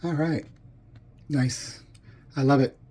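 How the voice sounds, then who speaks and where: A man's voice: medium pitch, steady tone, slow, darkish tone, husky. Man, casual vlog, rambling and chatty, voice a little off after surgery, home game room. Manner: rambling, chatty, with frequent fillers and restarts. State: voice slightly off after tonsil surgery. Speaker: arcade collector vlogger.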